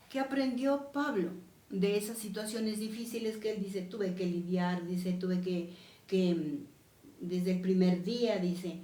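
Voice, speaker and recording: A woman's voice: mid-range voice, dark tone, echoey room. A woman preaching a sermon, repeating her key phrases with emphasis. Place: church.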